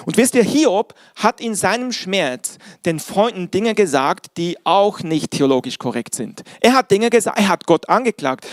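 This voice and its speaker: A man's voice: high voice, no echo, studio quality. A man preaching a sermon as pastor, earnest and speaking directly to his congregation.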